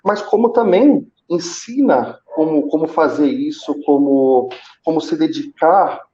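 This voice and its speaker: Speaking Portuguese with a Brazilian accent, a guest who works as a senior call center manager recounts his personal story in a live interview. His mellow voice is a little high, and he halts often, repeating words and pausing. The recording is muffled.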